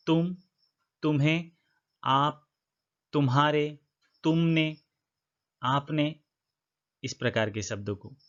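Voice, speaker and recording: Man teaching a grammar lesson, lo-fi. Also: on the high side. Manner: explains step by step, repeats points, asks and answers his own questions. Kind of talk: classroom-style grammar lesson. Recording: slightly dull lo-fi recording.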